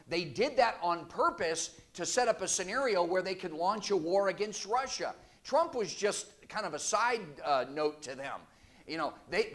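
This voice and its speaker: High-voiced man preaching with force. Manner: forceful, sarcastic asides. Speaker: guest preacher. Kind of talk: sermon. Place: church.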